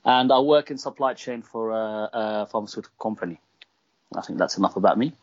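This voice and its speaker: A man's voice: lowish voice, a little fast, no room sound, highs cut off. A man chatting casually as a co-host on a podcast.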